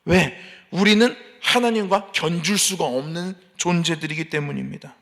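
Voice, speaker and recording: A man's voice: a little high, moderate pace, vocal fry, fairly bright tone. A man preaching a sermon as pastor at an early morning church service, rising into emphatic appeals and acting out complaining believers. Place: church sanctuary.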